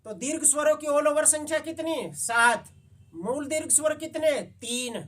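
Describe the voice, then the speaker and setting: Heard from a distant mic, a man with a very high voice teaches a Hindi exam-prep class at a moderate pace. He coaxes his students, poses questions and answers them himself, and keeps repeating "समझ गए बच्चे?".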